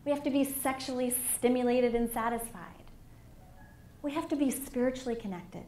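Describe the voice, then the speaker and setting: A middle-aged woman giving a candid, animated personal talk as a conference speaker on a stage microphone. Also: fairly high pitch, normal speed. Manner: candid and animated, with emphatic swells. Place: conference hall. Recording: echoey hall with faint room noise.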